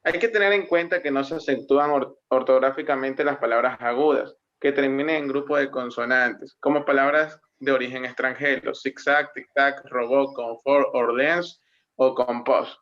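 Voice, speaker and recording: A male student giving a class presentation, explaining grammar rules and slowing down to read out example words. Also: mid-range voice, steady tone, fairly bright tone. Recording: muffled lo-fi recording.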